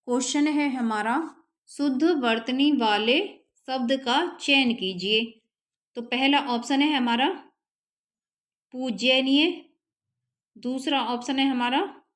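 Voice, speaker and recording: A woman teaching an exam-prep spelling lesson, repeating each word slowly and carefully so students can copy it down. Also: sits high, a bit bright. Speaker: Hindi teacher.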